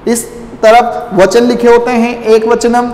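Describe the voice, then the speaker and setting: A man teaching a school lesson, reciting word forms in a slow chanting drill for pupils to repeat. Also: very high voice, little pitch movement, darkish tone. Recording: echoey, reverberant room.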